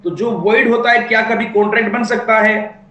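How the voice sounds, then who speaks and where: Male teacher, fairly high voice, echoey room, playful lecturing with slow dictation. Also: level tone, bright, forceful tone. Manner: playful, teasing, dictates points slowly. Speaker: law teacher. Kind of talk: classroom lecture.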